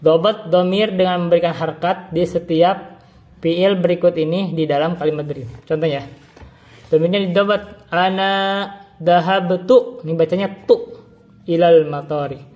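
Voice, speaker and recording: A man with an Indonesian accent, a native Indonesian speaker, teaching Arabic. He reads Arabic phrases slowly and then explains quickly in Indonesian. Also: on the high side, fairly even intonation, highs cut off. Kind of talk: casual classroom explanation.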